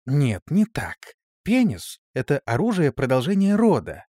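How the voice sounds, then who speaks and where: A man's voice: on the high side, huge pitch swings, normal speed, warm tone, no echo, studio quality. A man voicing a stern woman officer who lectures crude crewmen with indignation, in an audiobook reading. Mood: stern scolding.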